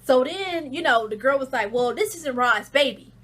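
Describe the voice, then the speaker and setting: A woman with a high, light voice giving a chatty reality TV recap. She tells it as an animated story and acts out the scenes, with loose slangy talk and plenty of fillers. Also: normal speed, breathy edge. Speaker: reality TV reviewer. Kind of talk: casual recap and commentary.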